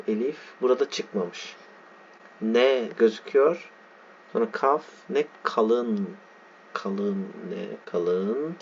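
A man teaching a lesson, reading a text aloud slowly and spelling out its letters and words as he explains them. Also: medium pitch. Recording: dull lo-fi sound with faint background noise.

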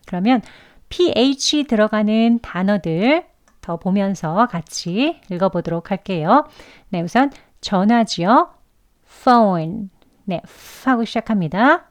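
A woman teaching English pronunciation in a patient lesson, saying each example word slowly so learners can repeat it. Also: mid-range voice, dry recording.

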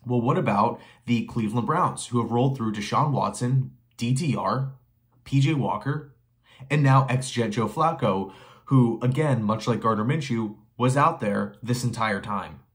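A young man talking into a desk camera in a small bedroom, heated and emphatic as he builds his case. His voice sits at an ordinary middle pitch and he stacks up rhetorical questions and repeated lines to hammer his point home. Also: normal speed. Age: young adult. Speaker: sports commentary vlogger. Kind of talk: opinionated solo commentary to camera. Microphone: webcam or phone facing him at desk.

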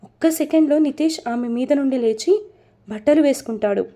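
A woman narrating a romance story from a script in a steady, even reading voice. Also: high-pitched, moderate pace.

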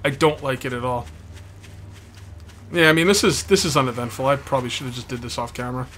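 Medium-pitched and a bit bright, this man's voice moves at a quick pace with fairly even intonation. As host of a let's play series, he offers rambling, casual gameplay commentary, repeating himself while nursing a sore, bitten tongue. Video game ambience runs behind his voice as background noise.

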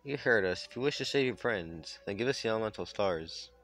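A man's voice: lowish voice, animated, fairly quick, a bit bright. A man reading a cold scheming game villain. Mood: demanding.

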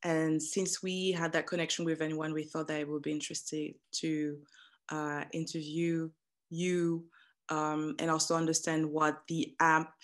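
A woman in her thirties hosting an interview over a video call on a headset from her living room, speaking with frequent pauses and restarts. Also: low-pitched. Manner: hesitant, restarts often. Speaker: host.

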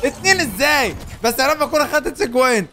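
A young man with an Egyptian Arabic accent, hosting a gameplay video in a fast, laughing banter. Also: extremely high pitch. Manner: animated, laughing, quick banter. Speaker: gaming YouTuber. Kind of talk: excited gameplay chat.

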